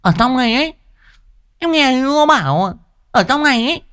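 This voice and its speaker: A woman's voice: sits high, expressive, normal speed, a bit bright. Woman as a lisping bully of a village woman. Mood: wheedling. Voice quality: lisping, slurred speech. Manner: bellowing, threatening. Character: loud, brutish, bullying middle-aged village woman.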